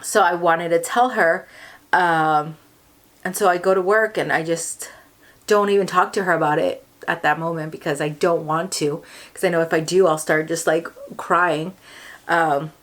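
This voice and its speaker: A woman's voice: on the low side, fairly even intonation, moderate pace, a bit bright. A young woman with a Californian accent telling a personal story to the camera, emotional and rambling, with many fillers and restarts. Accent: Californian English. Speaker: vlogger.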